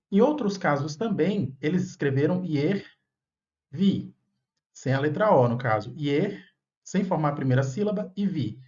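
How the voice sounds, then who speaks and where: A man's voice: fairly high pitch, darkish tone. Man teaching, patient tag questions. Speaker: Bible language teacher. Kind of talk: explanatory video lesson. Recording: dull lo-fi sound. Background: faint background music.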